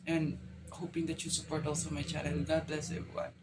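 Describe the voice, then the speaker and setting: A man's voice: fairly high pitch, monotone, brisk, background noise. A man hosting a reaction video, tearful and gushing with emotional praise. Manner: effusive, emotional praise with gasps.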